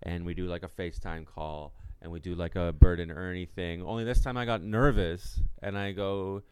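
A man chatting casually and at length in a halting, rambling way, often acting out quoted exchanges as he tells anecdotes. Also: low voice, steady tone, darkish tone, clean tone. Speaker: podcast co-host and solo stage performer.

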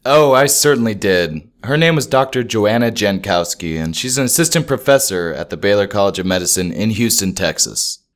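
A male podcast host with a very deep voice. He talks informally, moving between casual chat and plain-worded explanation. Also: expressive, normal speed, few pauses. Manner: informal, explains science in everyday words.

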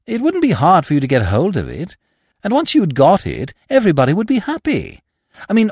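Man voicing high-pitched excitable young swell, chatty, storybook, close dry mic. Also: husky, no room sound, exaggerated voice. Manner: eager, chattering, high-spirited. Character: excitable, breezy young upper-class Englishman.

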